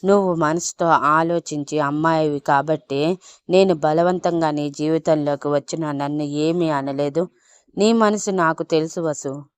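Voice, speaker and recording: A woman voicing a young husband who gently coaxes and teases his wife in a spoken love story. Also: low-pitched, a little slow, clear, resonant tone, no echo. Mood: soothing. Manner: gentle, coaxing, playful. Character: young husband, tender and teasing.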